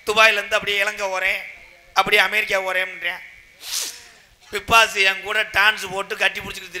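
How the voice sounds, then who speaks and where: A man performing as a stage drama comedian, addressing a village crowd in a loud, declamatory way with joking asides, from an outdoor stage. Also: sits high. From Tamil Nadu, India.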